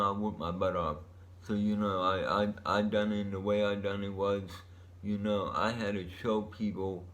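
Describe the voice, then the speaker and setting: A man's voice: low voice, dull audio. A man rambling casually as a vlogger, telling stories in a laid-back, meandering stoner-like drawl.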